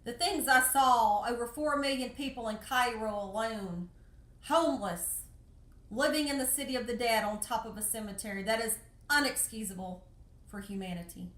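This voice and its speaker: A woman's voice: on the high side, moderate pace, fairly bright tone, echoey room. An American woman talking to the camera about her travels, emotional and close to tears, pleading and repeating herself with passion. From United States. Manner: impassioned, pleading, repeats phrases. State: tearful, emotional. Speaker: vlogger. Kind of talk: emotional personal monologue.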